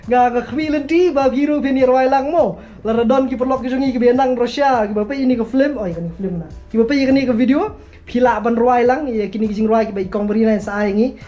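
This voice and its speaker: A woman's voice: on the high side, fast talker, warm tone. Giggly young woman vlogger. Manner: giggly and chatty. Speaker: vlogger hosting a song collaboration. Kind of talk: casual chat, switching into English.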